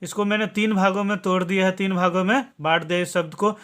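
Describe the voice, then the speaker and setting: A man teaching a spoken lesson, slowly spelling out words letter by letter, repeating each point and ending phrases with a checking "theek hai". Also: high-pitched, fairly even intonation, fairly bright tone. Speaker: English teacher. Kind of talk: classroom-style spoken lesson.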